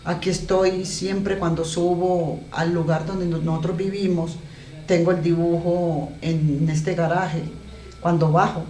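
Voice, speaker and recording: A high-voiced man preaching with earnest emotion, stumbling and restarting as he goes. He sounds a little far from the mic in an echoey garage, with a faint hum of room sound behind him. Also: flat delivery, unhurried, mellow. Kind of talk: sermon.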